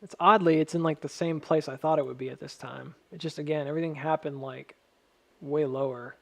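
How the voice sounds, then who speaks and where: A man with a whistle on his s sounds gives casual, technical chart commentary, thinking aloud in a measured, cautious way. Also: a little high, steady tone, gravelly. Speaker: stock chart analyst addressing viewers.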